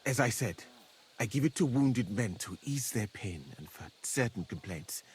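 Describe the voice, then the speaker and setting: A man voicing a calm, learned foreign physician in a game, speaking in a formal, measured and dryly ironic way. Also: mid-range voice, slight background noise, lightly acted.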